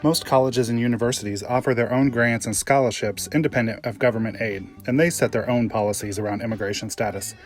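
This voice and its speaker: A man announcer reading a scripted informational message in a steady, informative way. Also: medium pitch, fast talker, few pauses, faint music behind.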